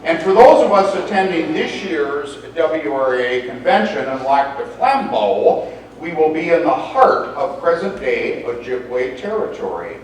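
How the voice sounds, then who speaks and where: A man hosting a meeting, reading a legend aloud in a lively storytelling manner. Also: fairly high pitch, unhurried, soft background music. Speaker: meeting host. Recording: echoey hall, mic far off.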